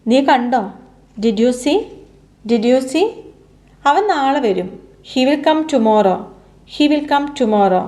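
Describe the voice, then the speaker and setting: A woman with a Malayali accent teaching English, reading short sentences and repeating each English one twice, slowly and clearly. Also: high voice, expressive, dark tone. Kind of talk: slow drilled sentence reading.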